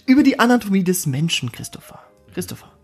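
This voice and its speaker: This podcast co-host is also a man bantering casually, laughing a lot and spelling out words one letter at a time. He talks quickly in a high, slightly rough, very animated voice over quiet background music.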